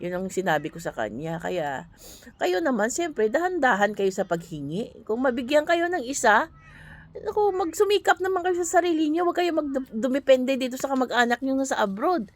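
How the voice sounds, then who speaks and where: Speaking at normal speed in a high, animated voice, an overseas worker and vlogger from the Philippines shares an earnest story straight to her viewers. It's a casual, conversational monologue.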